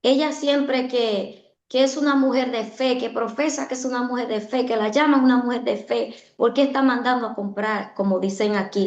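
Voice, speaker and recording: Earnest woman in an echoey room. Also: medium pitch. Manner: earnest, repeats phrases for emphasis. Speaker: guest giving a testimony. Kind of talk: emotional personal testimony. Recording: echoey, dull-sounding room.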